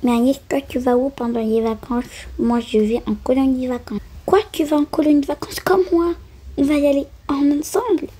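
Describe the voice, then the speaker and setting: A woman acting out a doll-play story, switching quickly between the lively voices of many children and grown-ups. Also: high voice, husky. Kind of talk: acted-out doll play voicing many characters.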